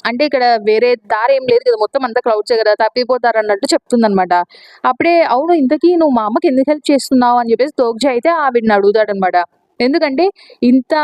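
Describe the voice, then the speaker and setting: A woman with a Telugu accent narrating a comic recap in a quick, chatty way, mixing in English words and retelling the characters' lines in her own voice. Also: high voice, darkish tone, no room sound, low-quality recording. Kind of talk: casual spoken recap narration.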